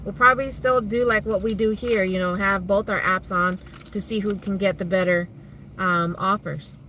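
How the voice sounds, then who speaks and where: A woman's voice: mid-range voice, fairly even intonation, moderate pace, sharp tone, slight background noise. A woman hosting a casual live stream, chatting with viewers and reading their comments aloud as she talks. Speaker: vlog host doing a live stream. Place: inside a car.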